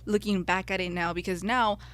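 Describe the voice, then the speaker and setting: Her medium-pitched voice is brisk, clean and fairly bright, with fairly even intonation. She's a young podcast co-host from the United States, a native Spanish speaker, reflecting sincerely and warmly on her own life.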